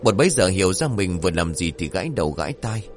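A man narrating a story in an expressive, dramatic way, with faint music behind. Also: deep voice, quick pace, background noise.

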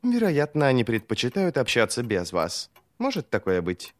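A cool, dry-spoken woman in an audiobook , read by a man in his own voice. She answers calmly, with an even, mid-pitched delivery. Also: normal speed, no echo. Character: cool, sharp-tongued woman adviser.

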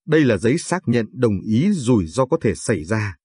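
A man voicing a brisk hospital nurse in a storybook reading, urgent and matter-of-fact. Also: medium pitch, big pitch swings, darkish tone, husky, no echo, studio quality.

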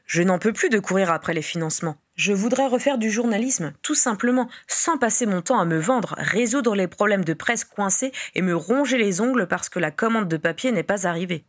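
A woman reading the part of a male wizard journalist, earnest and patient as he explains things, in a mid-pitched voice for her sex. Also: lively intonation, fairly quick, hardly any pauses, lightly acted.

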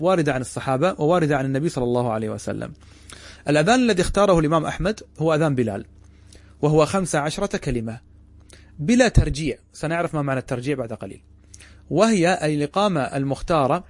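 A man teaching a class as a religious instructor. He keeps putting quick questions to his listeners and then answers them himself. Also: fairly high pitch, a little mellow, dry recording. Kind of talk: classroom lecture.

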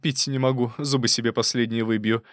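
A man reading an audiobook, voicing a fierce old woman who scolds her niece in a loud, folksy way. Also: mid-range voice, steady tone, brisk, no echo, studio quality, lightly acted. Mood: scolding.

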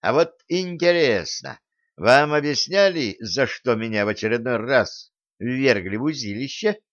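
A loud, jovial staff captain of the old army, played by a man reading an audiobook, bantering in a lifted, higher voice full of courtly turns of phrase. He sounds brash and pleased with himself. The recording is dry and a little dull. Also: lively intonation, unhurried, no echo. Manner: boisterous, bantering, old-fashioned courtly speech.

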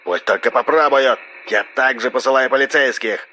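A man's voice: mid-range voice, brisk, bright, forceful tone, a little hiss or hum, voice pushed up, natural voice, poor audio. A man reading an audiobook, voicing a ruthless male corporation boss who barks orders. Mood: domineering. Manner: barking, domineering.

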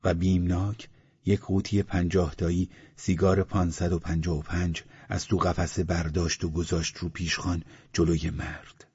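Brief: male audiobook narrator, very deep and husky, measured reading, muffled sound. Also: flat delivery, warm tone. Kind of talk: scripted narration. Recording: slightly muffled recording.

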